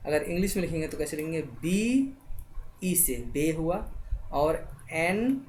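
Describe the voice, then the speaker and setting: A woman's voice: sits low, expressive, a little mellow, slight background noise. A woman teaching spelling, sounding out words letter by letter and often checking in with her listeners. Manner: slow letter-by-letter spelling, checks in with "thik hai". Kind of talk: spelling lesson.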